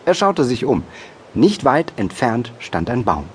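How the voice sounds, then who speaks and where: A man narrating a children's audiobook in a lively, expressive storytelling manner. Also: mid-range voice, measured pace, slight background noise.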